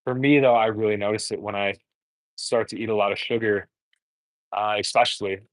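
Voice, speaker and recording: A dating coach host, born in Korea and raised in the US, chats frankly while cooking on a livestream, rambling with lots of fillers and restarts. His voice is fairly low and steady and a little fast, captured in a dry but poor-quality recording.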